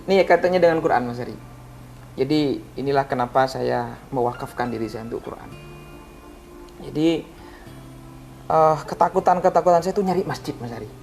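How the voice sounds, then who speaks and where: Over faint music, a male ustadz guest tells an emotional personal story in an interview, speaking a little fast in a gravelly, slightly mellow voice and pausing often. He's earnest, and his pitch rises high as he remembers prayers.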